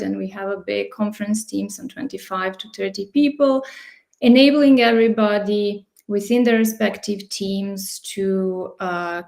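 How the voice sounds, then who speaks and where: A woman from Croatia working as a conference event manager, explaining her job in a measured, orderly way on a video call. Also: medium pitch, gravelly, a little mellow. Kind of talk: casual video-call chat.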